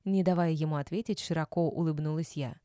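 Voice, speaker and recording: Low, mellow woman narrating an audiobook. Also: steady tone, fast talker, no echo, clean studio sound. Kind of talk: first-person audiobook narration.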